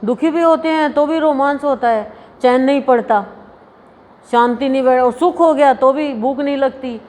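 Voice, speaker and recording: A woman's voice: high-pitched, moderate pace, a little mellow. A woman giving a homely devotional discourse at a gathering, chatting and laughing at her own stories. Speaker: spiritual preacher. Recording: reverberant hall, faint ambient noise.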